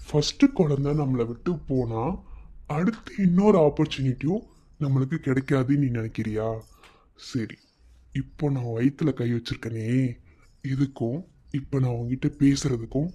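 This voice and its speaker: Cartoon role: young husband, voiced by a man, Madurai Tamil accent, pleading and coaxing, middle pitch. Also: warm tone, close to an everyday voice. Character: patient young husband comforting his wife.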